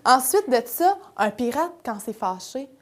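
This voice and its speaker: A woman's voice: sits high, big pitch swings, unhurried, slight background noise. A woman leading an interactive picture-card storytelling session for children, coaxing them with questions.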